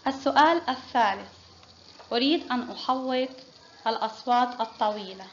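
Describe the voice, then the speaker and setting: A kindergarten teacher runs a phonics lesson, patiently quizzing pupils one at a time and praising every answer. Her voice is a little high and brisk, and the classroom recording is muffled and lo-fi with faint noise.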